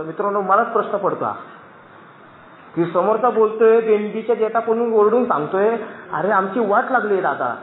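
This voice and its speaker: A man's voice: high voice, slight background noise. A man in his thirties from Maharashtra giving an earnest, emphatic personal testimony to a meeting from a dais, often calling out to his friends. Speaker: recovery meeting speaker. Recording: echoey, tinny phone-like recording.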